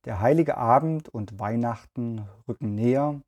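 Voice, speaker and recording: A man hosting a children's podcast, reading a story aloud in a gentle, even way. He speaks slowly with a mellow, warm tone. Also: mid-range voice.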